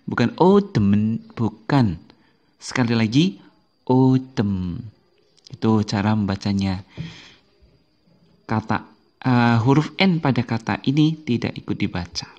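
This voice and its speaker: A man's voice: medium pitch, darkish tone, lo-fi sound. A man teaching English as a video lesson, patiently repeating each word for beginners. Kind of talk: slow explanatory video lesson.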